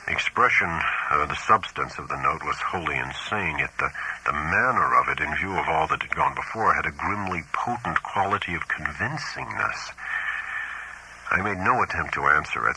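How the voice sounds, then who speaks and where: Man, audiobook narrator, extremely deep voice, bright ringing tone, grave and measured. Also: a little hiss or hum, rough recording. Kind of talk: scripted horror narration.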